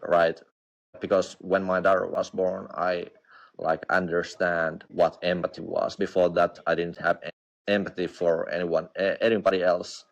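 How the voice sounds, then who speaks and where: A man from Finland with a Finnish accent, speaking halting English as a non-native speaker and often pausing to search for words as a livestream guest. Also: sits low, level tone, creaky, muffled recording. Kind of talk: casual chat.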